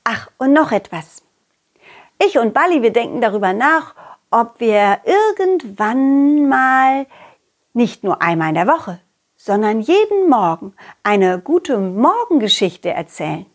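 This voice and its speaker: With cheerful storytelling at a measured pace, the woman performs a high-voiced, eager young pup who is confident and loyal. It's children's audio-play narration aimed at listeners, brimming with giggles and animated, childlike energy.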